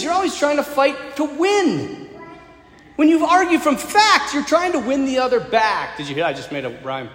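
A man, a priest, preaching a sermon in an animated way, with acted-out quotes and humor, in a church. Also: high voice, slight background noise. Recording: echoey church hall with faint ambience.

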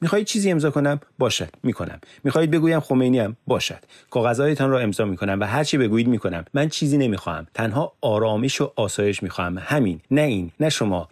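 A man voicing an embittered male prisoner in an audiobook, agitated and complaining, shouting in bursts. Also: sits low, breathy edge, no room sound, clean studio sound, full character voice. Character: bitter, defiant male prisoner under interrogation. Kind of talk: audiobook character reading.

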